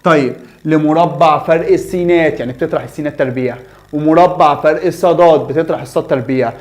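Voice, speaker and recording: A man's voice: on the high side, fast, a little mellow. A young man with an Egyptian Arabic accent teaching a math lesson in a chatty way, asking his students questions and answering them himself.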